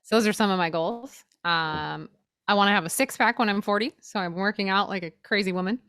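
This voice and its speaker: A woman's voice: medium pitch, a little fast, a bit bright, clean tone, no room sound, studio quality. A woman in her thirties co-hosting a casual podcast over a video call, bubbly and teasing, giggling often. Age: 30s. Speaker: podcast co-host. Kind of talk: casual chat.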